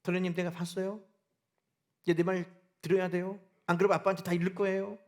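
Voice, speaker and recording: A man's voice: sits high, flat delivery, fast, darkish tone. A man playing a scheming male household servant who smugly threatens the young master. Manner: smug, wheedling threat.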